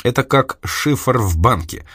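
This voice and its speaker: A man's voice: mid-range voice, expressive, a little slow, a bit bright, slightly rough, dry recording, clean studio sound. A man reading an audiobook, voicing a sincere, naive young man who has lost his memory, speaking hesitantly. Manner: hesitant, earnest.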